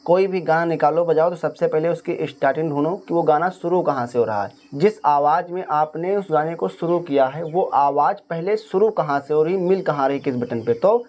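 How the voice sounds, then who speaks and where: A man teaches harmonium in a casual spoken lesson, going step by step and singing short phrases to demonstrate each note, with faint harmonium playing in the background. His voice is a little high with a darkish tone, and he talks fairly quickly with few pauses.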